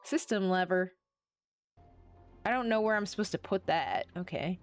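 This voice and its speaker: A woman's voice: medium pitch, normal speed, faint music behind. A woman streaming a game, chatting casually, rambling and often gushing as she plays. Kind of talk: casual live-stream chat while playing.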